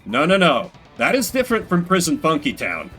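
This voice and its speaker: Soft music plays under a man whose fairly high voice runs a little fast as he streams games. In his casual chat with viewers he rambles along, retelling stories with animated, acted-out quotes.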